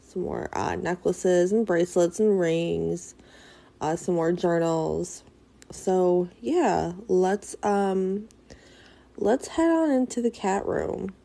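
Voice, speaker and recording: This small business vlogger, a woman in her thirties, sounds stuffy-nosed and gravelly with a fairly low pitch and slow pace. She narrates a casual tour of a small cat cafe shop in a chatty, upbeat, easygoing way with many fillers, over loud music.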